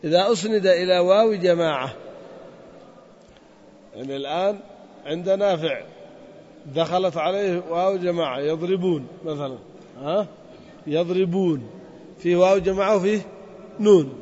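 A man with a high voice teaches a grammar class and keeps quizzing his students. He stretches the example words out slowly. The recording is dull, with a long reverb from the classroom. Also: a little mellow, a little hiss or hum. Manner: drills students with questions, drawls out example words. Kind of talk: classroom lesson.

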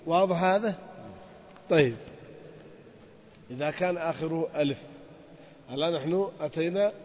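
A man teaching a grammar lesson to a class. He drills the students with questions and drags out the example words slowly. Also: a little high, slight background noise. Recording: dull audio with long reverb.

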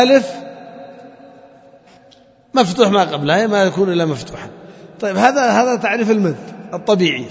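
A male teacher giving a classroom lesson on Arabic grammar, often quizzing his students and repeating key terms. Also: high-pitched. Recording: lo-fi echoey classroom recording.

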